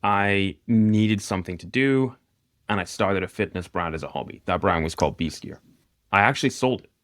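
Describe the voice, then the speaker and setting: A man in his thirties from Northeast Scotland, speaking with a mixed mid-Atlantic accent that has a light Scottish edge, appears casually on a podcast as a guest mentor. He's self-deprecating and quick to laugh, with a low-sitting, fairly bright voice. The studio sound is clean, with no echo.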